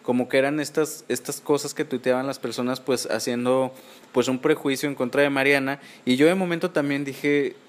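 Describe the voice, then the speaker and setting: A man's voice: mid-range voice, steady tone, fairly quick. A man with a Mexican accent hosting a podcast in a casual, gossipy chat, often tagging his phrases with little questions. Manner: chatty, informal, gossipy, often ends phrases with tag questions. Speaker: podcast host.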